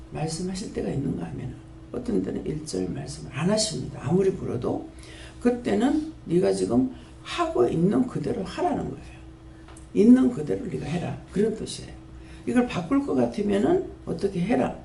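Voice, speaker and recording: Gravelly Gyeongsang woman in her fifties preaching. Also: slight background noise. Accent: Gyeongsang Korean. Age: 50s. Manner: earnest, storytelling, lively pitch swings. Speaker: pastor of a prayer house. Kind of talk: sermon testimony. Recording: echoey room with faint ambience.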